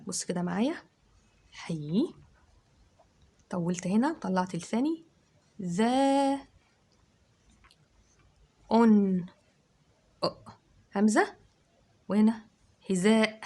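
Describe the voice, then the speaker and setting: A woman teacher with an Egyptian accent, giving a dictation lesson to children and sounding words out syllable by syllable, loud and drawn out. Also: medium pitch, animated, a little slow, pauses often, breathy edge. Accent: Egyptian Arabic.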